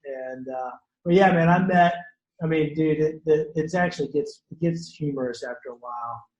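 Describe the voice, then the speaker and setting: Casual podcast guest, man from Louisiana, animated with many restarts, echoey room sound. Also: on the high side, normal speed, highs cut off. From Shreveport area, Louisiana. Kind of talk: casual storytelling chat. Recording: roomy echo.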